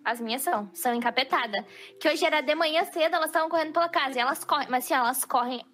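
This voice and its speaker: A woman, a podcast guest who chats in a lively way and laughs easily. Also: high-pitched, very fast. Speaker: podcast guest, streamer and voice actress. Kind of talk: casual chat.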